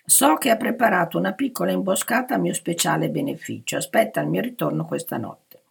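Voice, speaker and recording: A reader voicing a duke, a nobleman who speaks curtly and calmly. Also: sits high, brisk, vocal fry, breathy edge, exaggerated voice. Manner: curt, unruffled. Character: calm, brusque nobleman, a duke.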